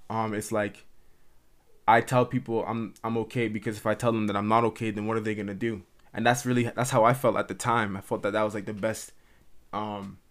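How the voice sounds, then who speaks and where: A young man hosting his own podcast from his mother's house, talking earnestly and ramblingly into the camera, with lots of "like" and restarts. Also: lowish voice. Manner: earnest, rambling, heavy use of "like". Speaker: podcast host. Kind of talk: casual solo monologue. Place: at home in his mother's house, dimming light. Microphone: camera recording.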